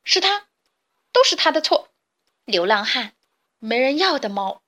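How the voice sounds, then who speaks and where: A woman voicing a grumpy, chubby boy chick in a storybook, yelling crossly. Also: fairly high pitch, animated, moderate pace. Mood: angry.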